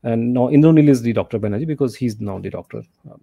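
Middle aged guy w north indian accent, chatty interview, talks quick, lots of you knows, dry close sound. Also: mid-range voice, creaky, husky, dry recording. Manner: animated recollection, repeats himself and often says "you know". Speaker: interview guest, journalist and author. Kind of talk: casual interview, storytelling.

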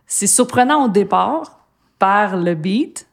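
A woman's voice: medium pitch, lively intonation, slow, creaky. Québécois woman host, gushing about the music, beatboxes rhythms. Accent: Québécois French. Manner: enthusiastic, mimics beats with mouth sounds. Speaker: interview host. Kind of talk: casual interview chat.

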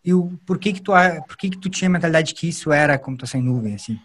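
A man's voice: fairly high pitch, lively intonation, very fast, fairly bright tone. A man with a Brazilian Portuguese accent, co-hosting a podcast and asking questions in a casual way. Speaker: podcast co-host.

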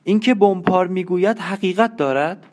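A man's voice: high-pitched, a little mellow, pitched above the performer's own voice, natural voice. A man voicing a frightened, bitter young woman in an audiobook, lifting his voice into a strained, pleading tone. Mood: accusing.

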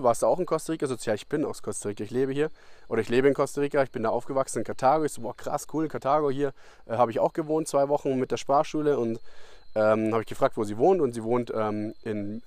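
A man's voice: medium pitch, no echo. Rambling young man, dry close sound. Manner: rambling, many fillers and restarts, colloquial. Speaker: podcast host. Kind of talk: casual rambling monologue. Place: abroad in Costa Rica.

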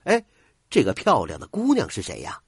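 A pompous, lecherous official, loud and used to being obeyed, as an old storyteller puts him on. The voice swings widely in pitch and sounds a little husky. It is close and dry, with no room sound. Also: male voice, huge pitch swings, fairly quick, no room sound, heavily acted. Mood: jovial, sly. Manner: booming, bossy.

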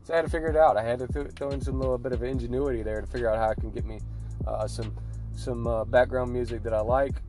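A man's voice: mid-range voice, steady tone, fast talker. Chatty man hosting over background music. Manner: chatty, repeats himself, informal. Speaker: podcast host. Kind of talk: casual sports podcast talk. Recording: clear music bed behind the voice.

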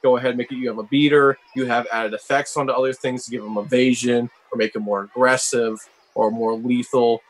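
A man's voice: mid-range voice, fairly even intonation, a little fast, hardly any pauses, low-quality recording. A man co-hosting a casual chat about game cards, rambling and filling his talk with "like". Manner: rambling, heavy use of "like". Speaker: co-host reviewing cards.

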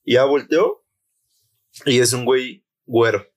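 A young man with a Mexican Spanish accent telling a story in casual chat, slangy and animated, acting out the voices he quotes. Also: mid-range voice, a little slow. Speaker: podcast co-host.

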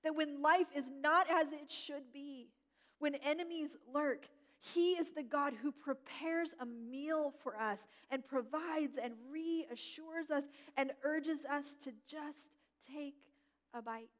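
A middle-aged woman pastor preaching a sermon, gentle and reflective, slowing down to stress key words. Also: high-pitched. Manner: gentle, reflective, slows for emphasis. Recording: long hall reverb.

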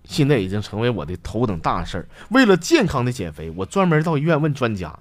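A man's voice: quick pace, no room sound. A man, hosting a show and telling listeners' jokes in a playful comic storytelling manner. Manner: lively, playful, swings pitch for effect. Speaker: host reading listener jokes.

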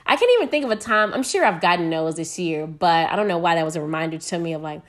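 A woman's voice: on the low side, expressive, quick pace. A young American woman hosting a casual solo podcast, talking frankly and energetically with plenty of profanity. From United States. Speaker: podcast host.

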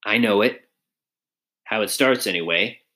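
A man voicing a ragged soldier who speaks slowly and hesitantly, searching for words. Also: on the low side, bright, forceful tone. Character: ragged blue-eyed soldier, male.

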